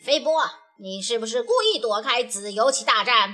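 A woman's voice: a little high, animated, sharp tone, breathy edge, soft background music, heavily acted. Woman doing a hissing scary-bird teacher. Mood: scolding. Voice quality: pinched, hissing voice. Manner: fast, scolding. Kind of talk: storybook reading.

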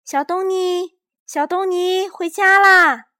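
A woman voicing a scolding mother calling her son home in a storybook reading, loud and shrill. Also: expressive, normal speed.

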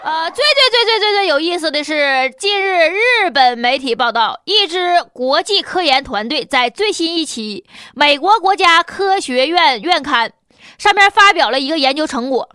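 High, bright-voiced woman with Northeastern Chinese accent. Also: animated, moderate pace, no echo, clean studio sound. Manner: sarcastic, mocking, colloquial. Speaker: host. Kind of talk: comedic news commentary.

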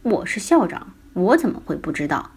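A woman's voice: on the low side, big pitch swings, normal speed, a little mellow, husky, heavily acted. A woman voicing a self-important, doubting school principal with a pompous manner in a children's story. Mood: disbelieving.

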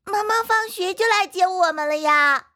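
A woman's voice: very high-pitched, moderate pace, pushed and bright, pitched above the performer's own voice. A woman voicing a timid little child starting kindergarten, small and whiny, close to tears. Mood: gentle. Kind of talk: storybook reading.

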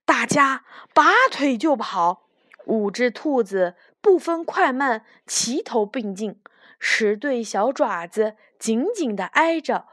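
A woman reading a children's picture book aloud with gentle, expressive narration. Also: a little high, no room sound, clean studio sound. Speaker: children's storyteller.

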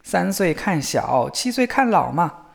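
A man voicing a smug elder brother who mocks his younger sibling slowly. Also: a little high, big pitch swings, gravelly, pitched above the performer's own voice, exaggerated voice. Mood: mocking. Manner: slow and mocking.

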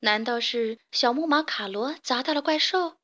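A woman reading a children's story aloud, expressive and dramatic, dropping to a hush for suspense. Her voice sits fairly high for a woman. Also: normal speed. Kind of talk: children's audiobook narration.

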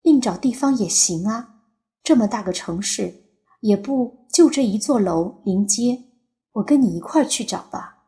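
A woman's voice: fairly high pitch, animated, moderate pace, dark tone, close to an everyday voice. A woman doing an eager pleading man suitor. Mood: flustered. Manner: eager, pleading, gets flustered. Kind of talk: audiobook character voice.

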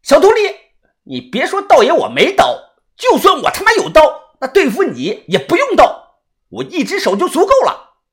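A man voicing a cocky, hot-tempered young Taoist man who swaggers, curses and shouts. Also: very high-pitched, very animated, moderate pace, pitched above the performer's own voice. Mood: defiant.

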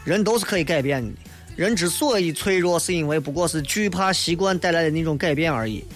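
Higher-voiced Shaanxi-accented man hosting radio. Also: a little fast, faint music behind. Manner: colloquial, blunt, philosophizing. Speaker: radio host. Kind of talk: casual late-night radio monologue, reading and answering listener messages.

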